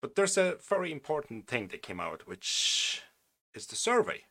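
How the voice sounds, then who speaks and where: A man hosts his own podcast, reading a news article aloud and tossing in wry, opinionated asides, often restarting his sentences. His voice is on the high side, sing-song, gravelly and sharp, at a moderate pace. English isn't his first language.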